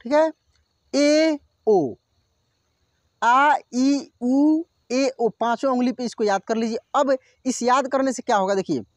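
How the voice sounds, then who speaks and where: A man's voice: very high-pitched, slow, no room sound. A man teaching a Hindi lesson, patiently repeating each syllable and talking to viewers as friends. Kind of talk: online lesson, drilling syllables.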